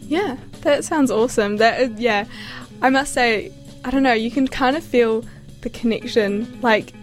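Woman radio host, highish voice, friendly and eager, faint music behind. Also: a little slow. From New Zealand. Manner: friendly and enthusiastic, hesitant phrasing. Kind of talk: casual radio interview.

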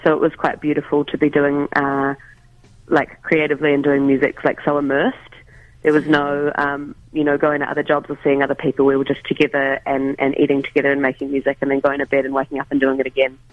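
Making coffee at home, a musician guest talks casually in a phone interview, hesitating often with ums and restarts. The mid-range voice is completely flat and fast, with no room sound, heard through a tinny phone line.

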